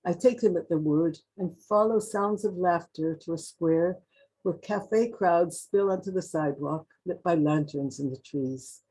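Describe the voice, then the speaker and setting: An older woman from Canada reading her own poems aloud in a slow, measured recitation, with a few restarts between lines. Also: fairly low pitch, mellow, breathy edge, low-quality recording. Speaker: poet. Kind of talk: poetry reading.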